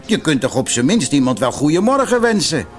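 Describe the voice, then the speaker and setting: A man's voice: on the high side, sing-song, normal speed, soft background music, pitched above the performer's own voice. A man voicing a chatty castle guard who scolds an unfriendly passer-by. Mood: reproachful. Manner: indignant, scolding.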